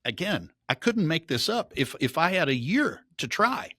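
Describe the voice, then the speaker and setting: A man's voice: a little high, big pitch swings, normal speed, sharp tone, no echo, clean studio sound. A man hosting a podcast, giving opinionated market commentary in a sarcastic, emphatic way that rises to indignant outbursts. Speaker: podcast host.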